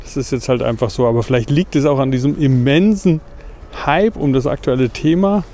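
A man's voice: mid-range voice, brisk, warm tone, a little hiss or hum. A male podcast co-host, a little short of breath from an injured rib, talking thoughtfully on a walk outdoors at night. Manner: thoughtful, searching for words. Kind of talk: casual conversation. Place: outdoors, walking through a foggy park at night.

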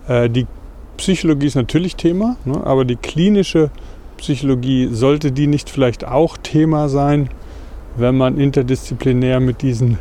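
A man's voice: mid-range voice, mellow, a little hiss or hum. A male podcast co-host, a little short of breath from an injured rib, talking thoughtfully on a walk outdoors at night. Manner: thoughtful, searching for words. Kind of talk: casual conversation. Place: outdoors, walking through a foggy park at night.

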